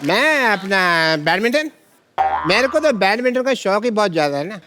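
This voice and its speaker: A man playing a bumbling high-voiced quack doctor. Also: big pitch swings, normal speed, loud music behind the voice. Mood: boastful. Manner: joking, laughing, playful bluster. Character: bumbling male quack doctor, boastful and silly. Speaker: comedian in a sketch. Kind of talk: comedy sketch on a studio stage. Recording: loud studio audience and noise.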